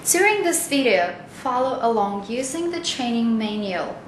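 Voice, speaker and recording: Woman, corporate training narrator; higher voice, unhurried read, roomy echo. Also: lively intonation, slight background noise.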